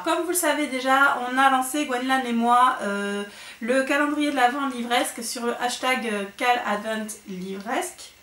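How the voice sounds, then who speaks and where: Female book vlogger, slightly high voice, chatty and hesitant, roomy recording. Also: fairly bright tone. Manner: chatty, hesitant with frequent fillers and restarts. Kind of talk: casual monthly reading recap. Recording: echoey room with faint noise.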